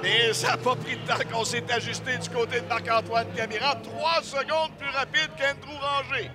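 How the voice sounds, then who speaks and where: A man's voice: very high voice, steady tone, normal speed, over music, crowd noise. A Québécois man giving live motorsport commentary, analysing the race and reading out lap times. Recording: very noisy outdoor racetrack, engines behind.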